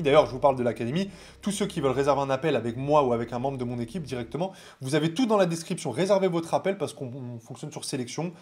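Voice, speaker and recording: Speaking in a mid-range voice with a French accent, a man coaches viewers on trading, addressing the camera casually and directly. He throws in animated, familiar asides.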